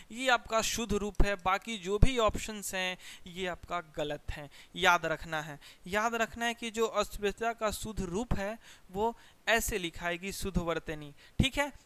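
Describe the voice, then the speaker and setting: Young male Bihari Hindi tutor, high bright-toned clear voice, repetitive, quiz-style delivery. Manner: energetic, repeats phrases and quizzes students. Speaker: teacher. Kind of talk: exam prep lesson.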